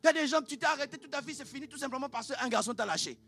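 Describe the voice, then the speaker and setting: Male pastor, native Lingala speaker, high and bright, impassioned church sermon that climbs into shouting. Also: racing, faint music behind.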